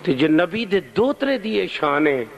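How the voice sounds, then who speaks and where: A middle-aged man preaching an emotional sermon, his delivery impassioned and swinging between rises and long, drawn-out cries. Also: high-pitched, big pitch swings, gravelly, highs cut off, a crowd in the background. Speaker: religious preacher.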